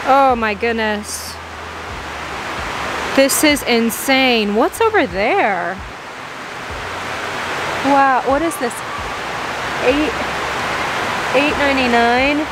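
A woman's voice: high-pitched, very slow, long pauses. Gushing young woman in a greenhouse. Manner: gushing, exclaiming over plants, reading prices aloud. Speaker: plant vlogger. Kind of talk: excited plant-shopping vlog. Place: large indoor greenhouse nursery. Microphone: handheld phone camera. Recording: steady background noise.

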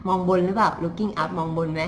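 A woman teaching English pronunciation, explaining in Thai and repeating English phrases slowly and carefully. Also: lowish voice, steady tone, slight background noise.

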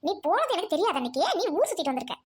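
Someone voicing a shrill scolding cartoon mother. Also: big pitch swings, racing. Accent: Tamil Nadu. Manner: shouting, nagging, wailing. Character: angry scolding middle-aged mother. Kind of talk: cartoon voice acting.

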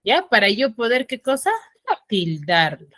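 A woman's voice: medium pitch, lively intonation, unhurried, a bit bright, no echo. A woman teaching an online class on a video call, drilling students with repeated questions.

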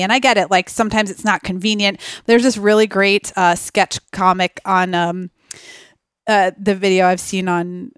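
A woman speaking as a podcast guest in a relaxed, earnest conversation, reflective and quick to laugh. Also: medium pitch, clean tone, no room sound, studio quality. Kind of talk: conversational interview.

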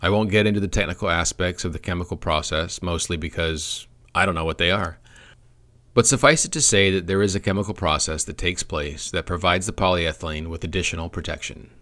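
Deep-voiced man, dry product trainer. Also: fairly quick. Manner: dry, deadpan humor. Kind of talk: scripted product training presentation.

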